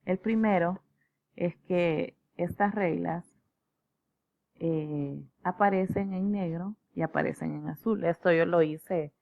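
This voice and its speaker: Low, gravelly-voiced woman teaching. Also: dry recording, narrow, tinny audio. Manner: measured, explanatory, with fillers and "¿verdad?" checks. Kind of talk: recorded lecture on slides.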